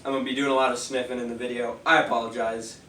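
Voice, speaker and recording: Quick and pushed, his medium-pitched voice sounds bright yet shows little pitch movement as he reviews party speakers. The rambling, filler-heavy talk comes through a distant mic in a reverberant space with slight background noise, and a cold leaves him sniffly and a bit nasal.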